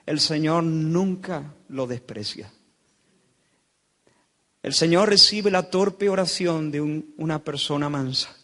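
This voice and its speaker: Casting: high-voiced male pastor from Spain, passionate sermon, booming hall reverb. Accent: Spain Spanish. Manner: impassioned preaching, swings from quiet to loud.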